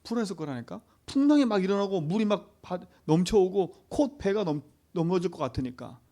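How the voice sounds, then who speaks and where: Animated male pastor preaching. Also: high voice, a little fast. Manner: keeps asking the congregation short questions for agreement. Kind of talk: sermon to a youth service.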